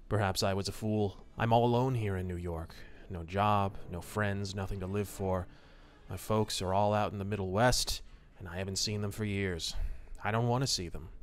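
A man voicing a broke, despairing young man who confesses in a halting way. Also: on the low side, fairly even intonation, pitched below the performer's own voice, close to an everyday voice.

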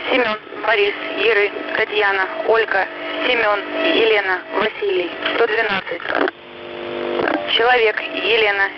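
A military radio operator reading coded groups in steady, measured radio procedure, heard over a field radio link. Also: mid-range voice. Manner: steady, measured spelling of call-sign words and numbers, repeated in blocks. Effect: transmitted over a field radio link. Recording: muffled radio with loud static.

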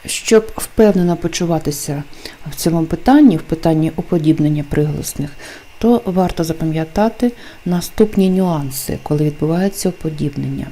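A woman teacher explaining pronunciation rules in a deliberate lesson, carefully enunciating example words. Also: sits low, dark tone. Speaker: language teacher.

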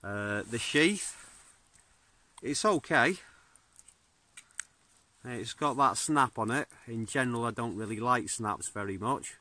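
A man, reviewing a knife in a birch forest, talking casually with plenty of fillers. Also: mid-range voice. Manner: relaxed, unhurried, many fillers and restarts. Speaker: bushcraft video host. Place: birch forest outdoors, smoky campfire. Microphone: phone or camera at arm's length.

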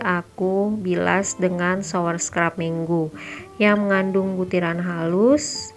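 A young adult woman narrating her travel vlog in a calm voice-over, promoting body care products. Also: fairly low pitch. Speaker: travel vlogger.

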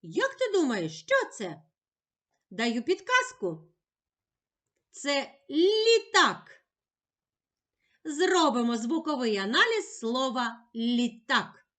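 A woman teacher giving a slow, scripted lesson to young children, drawing out syllables clearly. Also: fairly high pitch, sing-song, fairly bright tone.

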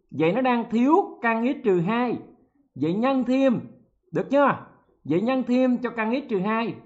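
A male math teacher leading an exam-prep lesson, lively and joking, checking in with students often. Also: sits high, dull audio.

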